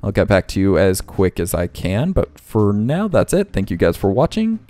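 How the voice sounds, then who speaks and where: With a dark, lowish voice that swings widely in pitch, a man talks at a moderate speed through a let's play. His commentary is casual, full of thinking aloud and self-correction, backed by faint game music.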